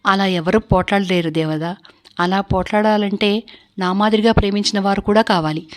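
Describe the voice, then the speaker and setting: A woman reading as a soft heartbroken young wife. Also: mid-range voice, steady tone, normal speed, close to an everyday voice. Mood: wistful. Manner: soft, grieving, hesitant. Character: heartbroken young married woman, quiet and restrained.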